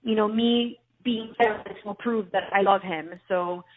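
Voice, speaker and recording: A woman's voice: mid-range voice, steady tone, measured pace. A woman caller leaving an earnest, rambling voicemail asking for advice, played back on the air. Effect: voicemail message played over the air. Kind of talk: recorded voice message asking for advice. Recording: tinny phone-line voicemail.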